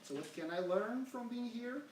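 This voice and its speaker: His voice pitched very high and full of animation, a middle-aged man from Portugal presents education research at a moderate pace. He gives an earnest seminar talk in English, Portuguese accent intact, quizzing the audience along the way. Recorded at a distance in an echoing room, it has a faint hiss.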